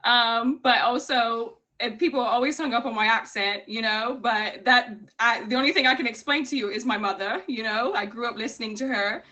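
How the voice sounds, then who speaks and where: A woman from Miami with a bright, forward voice, pitched a little high. She speaks casually as an interview guest, effusive and emphatic, often repeating a phrase to drive it home. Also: fairly quick, few pauses. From Miami, United States. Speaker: guest, award recipient.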